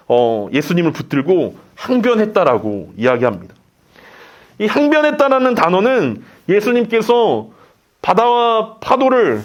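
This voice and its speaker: Animated, high-voiced male pastor. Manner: animated, dramatizing, storytelling. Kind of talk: sermon.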